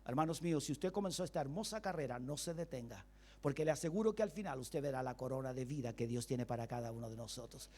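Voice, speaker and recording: Speaking quickly in a medium-pitched, dark voice, a man delivers a Sunday sermon as pastor. He questions the congregation, invites call-and-response, and voices common everyday excuses as if quoting people.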